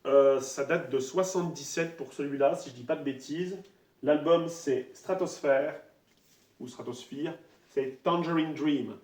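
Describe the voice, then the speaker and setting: A man casually presenting his vinyl records one by one, talking in a relaxed, halting way with many fillers. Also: a little high. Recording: roomy echo, voice a bit far from the mic.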